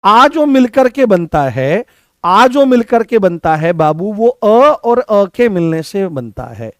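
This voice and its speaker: Animated Hindi exam tutor, dry sound. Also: male voice, high voice, slow, no room sound. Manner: drills points by repeating them, asks students questions; addresses students affectionately as "babu". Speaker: teacher. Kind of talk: exam coaching lesson.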